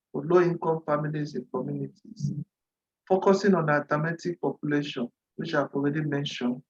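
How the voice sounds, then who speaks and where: Over a muffled video call, a fairly high-voiced man from Cameroon presents formally on behalf of a nonprofit at a virtual dialogue. His pace is deliberate, with repeated phrases and the odd throat clearing.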